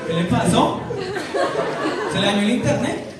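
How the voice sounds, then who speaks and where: Man doing high-voiced phone support agents, stand-up bit, roomy live club, loud crowd and noise. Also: expressive, moderate pace, recorded from a distance. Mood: joking. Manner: playful, mimics callers and regional slang. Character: phone tech support agents, regional characters. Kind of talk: stand-up comedy routine.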